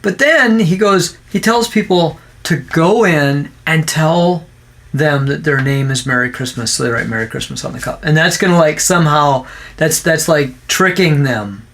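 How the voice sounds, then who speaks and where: A man's voice: a little high, normal speed. Sarcastic ranting man with a Minnesota accent. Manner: ranting, sarcastic, swings into loud mocking voices. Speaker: podcast co-host. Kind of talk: casual chat.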